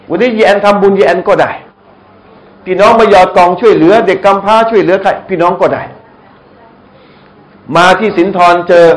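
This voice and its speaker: A middle-aged man giving a lively sermon to a live audience, often asking them questions and joking. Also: sits high, low-quality recording. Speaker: Islamic lecturer. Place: restaurant hall, live audience.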